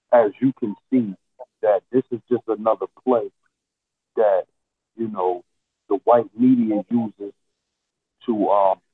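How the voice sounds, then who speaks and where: A man's voice: on the low side, dry recording. Man sounding muffled, as if through a wall. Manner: lecturing, insistent, repeats rhetorical questions. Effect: muffled, dull sound as if through a wall. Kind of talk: opinionated talk in an online audio chat room. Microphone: headset. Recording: muffled, tinny headset line with a dry sound.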